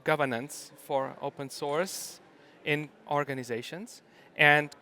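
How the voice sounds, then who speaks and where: Man giving a halting talk. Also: on the high side, fairly even intonation, bright, forceful tone. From Germany. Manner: hesitant, many ums and uhs. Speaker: conference speaker. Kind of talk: conference talk.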